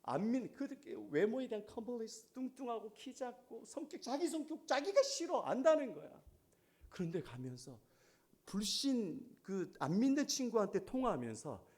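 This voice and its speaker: A middle-aged male pastor delivers a sermon, posing questions to the congregation and alternating between loud exhortation and quiet asides. His voice is very high-pitched with big swings in pitch, and he speaks at a normal speed.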